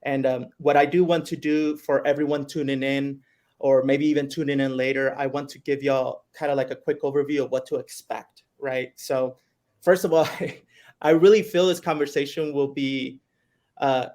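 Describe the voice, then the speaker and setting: Host: upbeat man at a middle pitch, switching now and then into Spanish. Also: steady tone, moderate pace, a little mellow. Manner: enthusiastic, switches into Spanish phrases. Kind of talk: livestream interview.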